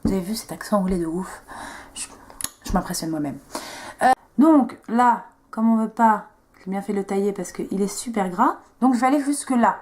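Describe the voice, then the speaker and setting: In her makeup tutorial, a young woman talks viewers step by step through the process, chatting casually and joking about herself. The beauty vlogger's mid-range voice is a little mellow and moves at a normal pace.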